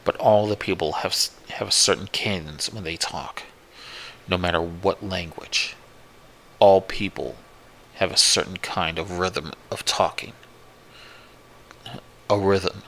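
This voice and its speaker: A man narrating a first-person horror story in a profane, repetitive, unhurried way. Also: deep voice, fairly even intonation, bright, forceful tone, a little hiss or hum, low-quality recording. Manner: profane, slow, repetitive retelling.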